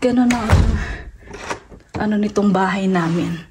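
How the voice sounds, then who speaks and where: With a Filipino accent and a mid-range voice, this vlogger chats informally to viewers on a tour of her house, sometimes stopping mid-thought and blending in English words. She passes through a large basement and then outside into the snow. The audio is noisy, recorded handheld on the move.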